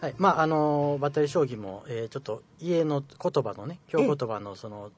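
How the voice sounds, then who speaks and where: A man from Osaka, a radio guest explaining in a measured, polite way. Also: a little high, expressive, muffled recording, faint music behind.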